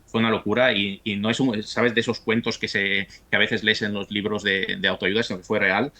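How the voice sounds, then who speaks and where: A man's voice: lowish voice, flat delivery, fairly quick, pushed and bright. A man in his forties from Italy, whose first language is Italian, talking at length as an interview guest with frequent restarts. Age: 40s. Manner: talkative, many restarts and stumbles. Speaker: guest, university professor. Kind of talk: casual interview conversation.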